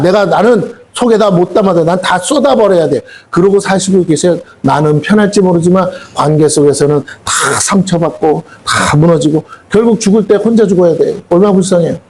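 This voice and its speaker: In a church sanctuary, a middle-aged senior pastor gives a folksy, colloquial sermon packed with rhetorical questions for his congregation. His voice sits high with a darkish tone, at a normal speed.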